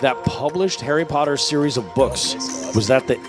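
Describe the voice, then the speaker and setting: A man's voice: mid-range voice, moderate pace. A man running a pub trivia night in a burger bar, reading questions to teams, laughing and teasing the players. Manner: lively, laughs often, teasing. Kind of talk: reading quiz questions to teams, casual banter. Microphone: microphone at a venue table. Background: music playing.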